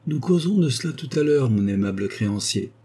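A man voicing an old indebted baron who speaks calmly and suavely, with irony, in an audiobook. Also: medium pitch, fairly quick, husky, voice pushed up. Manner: calm, suave, ironic. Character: old smooth-talking indebted male baron.

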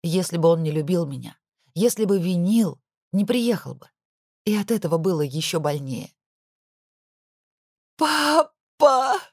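A woman's voice: lowish voice, lively intonation, moderate pace, mellow, no echo, studio quality. A woman narrating a first-person audiobook with emotional, intimate delivery.

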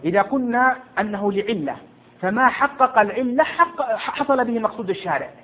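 A man teaching jurisprudence to a class, quizzing and hushing students, often stumbling and repeating words. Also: very high-pitched, lively intonation, brisk. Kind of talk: interactive classroom lesson. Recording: tinny lo-fi with faint noise.

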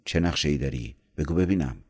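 A man's voice: a bass voice, darkish tone, breathy edge. A man doing an anxious, impatient prince. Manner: anxious, eager. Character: impatient, wavering young prince. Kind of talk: audiobook storytelling.

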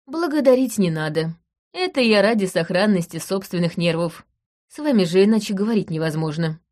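Woman narrating an audiobook, brisk and dry. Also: mid-range voice, animated, darkish tone. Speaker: first-person narrator.

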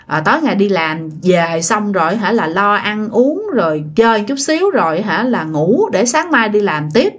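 A woman voicing a tired working wife, soft and bewildered. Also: mid-range voice, big pitch swings, normal speed, hardly any pauses. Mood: weary, puzzled.

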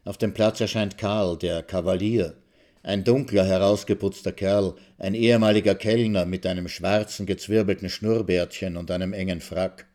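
A man reading a literary short story aloud in a calm, measured way. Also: sits low. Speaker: reader of a short story on radio.

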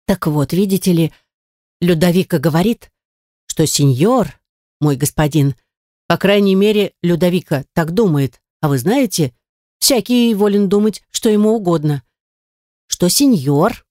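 A woman's voice: fairly low pitch, lively intonation, measured pace, mellow, dry recording, clean studio sound. A woman voicing a chatty, flustered young maid who pleads and rambles in a raised voice. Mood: rambling. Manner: breathless, wheedling, rambling.

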